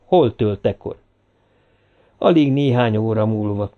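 A man's voice: lowish voice, lightly acted. A man voicing a grim, weary male expedition leader who speaks firmly. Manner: firm, weary. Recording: dull lo-fi recording.

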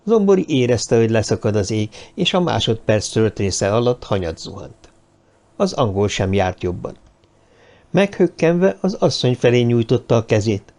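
A man narrating an audiobook in a measured, even storytelling manner. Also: medium pitch. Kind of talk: scripted narration.

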